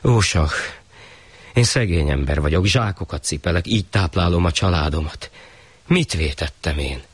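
A man's voice: sits low, animated, slightly rough, no room sound. A man voicing a small, poor sack porter in a folk tale, pleading for his life.

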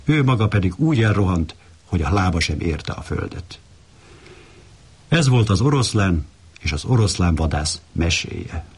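A man reading a fable aloud in a measured, plain manner. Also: low-pitched, big pitch swings, noisy background. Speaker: storyteller. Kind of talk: read-aloud fable narration.

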